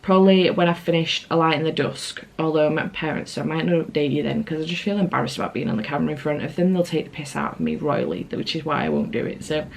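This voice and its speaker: A woman's voice: deep voice, quick pace, creaky, few pauses. A British woman chatting casually to camera as a book vlogger, rambling along with self-aware asides.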